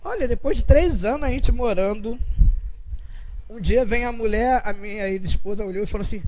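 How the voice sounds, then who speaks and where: A man's voice: sits high, brisk, mellow, slight background noise, low-quality recording. An older man, leading a spiritist study group in a chatty, anecdotal way and acting out bits of dialogue. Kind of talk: casual talk to a study group.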